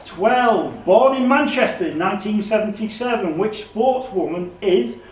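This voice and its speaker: At a live quiz event in an echoey indoor room, a man serves as quizmaster, reading questions and ruling on answers. His high voice is expressive and measured in pace. A distant mic picks him up along with background noise.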